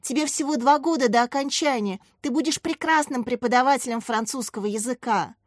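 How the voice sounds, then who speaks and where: Woman doing a kind eager young teacher, bright higher voice. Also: fairly quick, dry recording, studio quality, close to an everyday voice.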